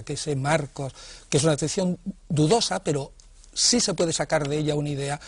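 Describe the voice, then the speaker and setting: A man speaking as an expert guest in a studio discussion, explaining in a calm, precise way. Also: a little high, husky, no room sound.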